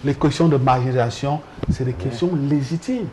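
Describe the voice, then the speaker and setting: A man's voice: mid-range voice, a little fast, darkish tone, a little hiss or hum. A man, a panel guest arguing insistently in a political debate. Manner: emphatic, insistent.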